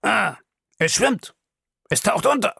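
A man voicing an eager, blunt male harpooner who exclaims excitedly in an audiobook reading. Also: on the high side, moderate pace, creaky, no room sound, clean studio sound, voice pushed up.

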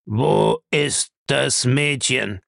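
A man's voice: a little high, expressive, moderate pace, gravelly, fairly bright tone, dry recording, clean studio sound, voice pushed up, exaggerated voice. A man reading a novel aloud, voicing an irascible, domineering old man who demands answers. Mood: demanding.

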